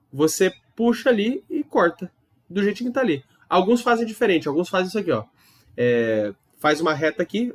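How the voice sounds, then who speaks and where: A man teaching a recorded Hebrew lesson, explaining patiently, demonstrating sounds and checking in with his students often. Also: on the high side. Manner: explains patiently with many tag questions and demonstrations.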